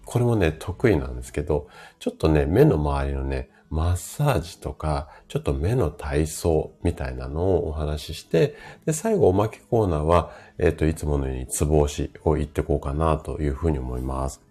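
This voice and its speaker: A man in his fifties with a rough, hoarse voice, chatting casually as host of a live stream and explaining things to his listeners. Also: very deep voice, lively intonation, normal speed, hardly any pauses, mellow. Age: 50s. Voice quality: gravelly, rough voice from drinking the night before.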